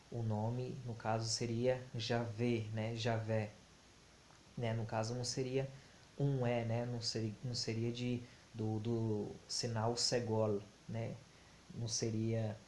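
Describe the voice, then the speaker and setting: A man gives a slow, deliberate teaching talk, his tone dark and level with little rise or fall. He keeps pausing on fillers and restarting his phrases. The room rings with echo over a faint hiss. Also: mid-range voice. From Brazil. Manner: halting, many fillers and restarts; slow, deliberate, flat delivery. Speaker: Bible teacher. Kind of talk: explanatory talk on Hebrew grammar.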